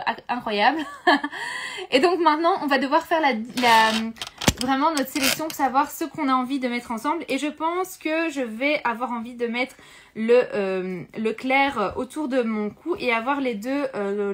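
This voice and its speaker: Woman, high voice, sewing teacher on a live stream, chatty, hesitant, talks straight to viewers. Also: normal speed. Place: home sewing room.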